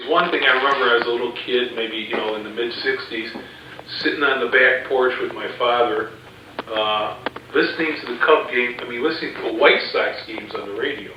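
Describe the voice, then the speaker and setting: A man's voice: mid-range voice, brisk. Hesitant man in his fifties, very echoey. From Chicago, USA. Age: 50s. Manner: hesitant, many "uh" fillers. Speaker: interviewee, father of the interviewer. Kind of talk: casual recorded family interview. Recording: very echoey, distant, dull, faint hiss.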